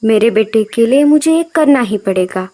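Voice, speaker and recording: A woman voicing an anxious, determined mother bird in a cartoon, speaking softly and earnestly. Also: fairly high pitch, lively intonation, moderate pace.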